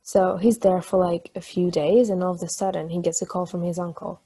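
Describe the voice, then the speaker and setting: Playing a chatty, playful married former athlete at a conversational table read, a woman swears her way through lively storytelling. Her voice is fairly low, a little fast and slightly rough, and the audio is poor.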